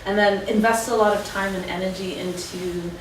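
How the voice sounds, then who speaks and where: This woman, an alumna on a career panel, talks fairly quickly at a medium pitch with a steady tone, handing out casual advice packed with fillers. The lecture-room recording sounds echoey and picks up background noise from a distant microphone.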